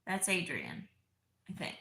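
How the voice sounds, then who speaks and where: A woman's voice: lowish voice, huge pitch swings, a little slow, creaky, echoey room, heavy background noise. A woman streaming from home, chatting casually with her child and viewers, tired and yawning. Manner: tired, yawning, soft-spoken. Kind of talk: casual live stream chat.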